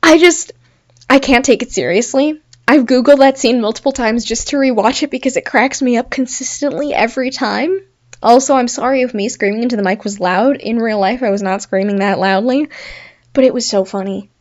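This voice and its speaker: A woman's voice: on the high side, a little fast. Chatty young woman, lo-fi mic. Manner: chatty, laughs at her own examples. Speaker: podcast host. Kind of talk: casual solo commentary.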